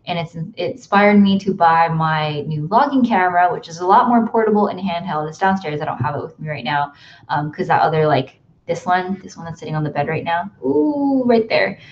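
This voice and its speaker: Young woman rambling on a livestream from her bedroom, kinda low voice, dull lo-fi audio. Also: expressive, fairly quick, slight background noise. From United States. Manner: chatty, rambling, many ums and likes. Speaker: YouTuber hosting a livestream. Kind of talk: casual livestream chat. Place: bedroom at home.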